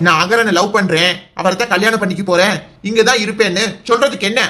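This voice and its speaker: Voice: mid-range voice, fast talker, pushed and bright, natural voice. A performer voicing a young village man in a cartoon serial who hides who he is, muttering nervous asides and stammering. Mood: scolding. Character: young village man hiding his identity. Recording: clear music bed under voice.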